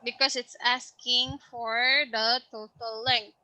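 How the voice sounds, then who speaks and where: A woman teacher taking students through a science quiz, reading out each question and its answer choices slowly and patiently. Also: on the high side, little pitch movement, sharp tone, rough recording. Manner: slow, patient quiz-style questioning, reads answer options aloud. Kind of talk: online science review lesson.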